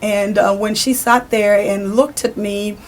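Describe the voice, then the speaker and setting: A Haitian woman in her forties, a boutique owner and stylist, tells her story in an interview. Her mid-range voice moves a little slowly, and she's an animated storyteller who acts out her customers' lines.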